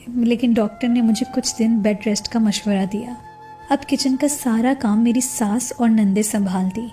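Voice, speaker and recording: Mellow-voiced woman narrating a story. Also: a little high. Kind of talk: first-person story narration. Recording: faint background music.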